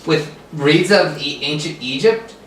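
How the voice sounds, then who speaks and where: A young man co-hosting a casual podcast, sarcastic and quick to interject. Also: fairly high pitch, a bit bright. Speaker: podcast co-host. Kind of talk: casual chat. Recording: echoey room, far mic, clear noise.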